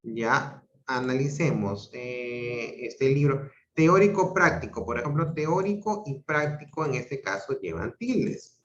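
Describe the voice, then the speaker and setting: Slow-talking teacher on a muffled video call. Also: male voice, mid-range voice, animated, roomy sound, slight background noise. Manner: explains step by step, checking in with "¿correcto?" and "¿ok?". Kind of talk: online grammar lesson.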